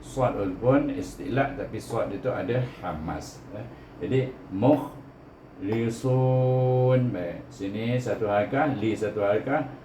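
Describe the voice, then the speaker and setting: A man's voice: on the low side, moderate pace, hardly any pauses, a little mellow. A man with a Malaysian accent teaching Quran reading step by step, over-enunciating syllables in a didactic way and often tagging points with a short "eh". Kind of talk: step-by-step recitation lesson. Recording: echoey room with background noise.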